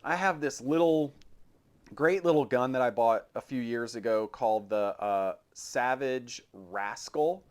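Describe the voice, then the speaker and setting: At a measured pace, a middle-aged American man hosts a firearms podcast in a casual, chatty manner with wry jokes. His voice is medium-pitched, clear and resonant.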